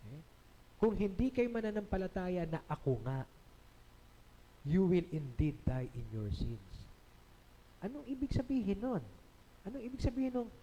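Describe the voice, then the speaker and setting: Lively, mellow Filipino pastor preaching. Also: male voice, high-pitched. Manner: teaching, checks in with listeners. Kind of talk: sermon. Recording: long hall reverb.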